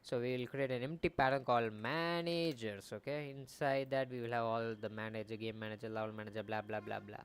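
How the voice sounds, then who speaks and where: A young man streams himself building a game at a desk mic, speaking in a medium-pitched, steady and smooth voice that runs a little fast with few pauses. It's casual live coding commentary, full of rambling, thinking aloud and self-corrections.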